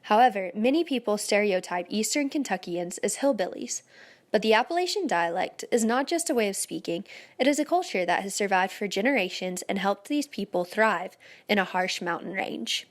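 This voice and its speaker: A young adult woman reading a scripted class presentation, slowing down and stressing the example words. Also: mid-range voice, expressive. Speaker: student presenter. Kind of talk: scripted narration.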